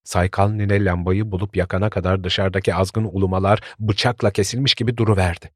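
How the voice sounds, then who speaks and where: A man narrating a story in a calm, measured storytelling voice. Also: deep voice, no room sound, clean studio sound.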